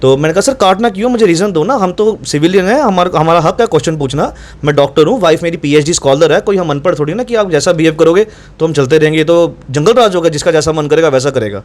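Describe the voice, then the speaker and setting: A man telling a reporter about his run-in with police, insistent and acting out both sides of the exchange. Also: on the high side. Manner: fast, insistent, reenacts dialogue. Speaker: doctor recounting incident to reporter. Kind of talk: animated first-person account.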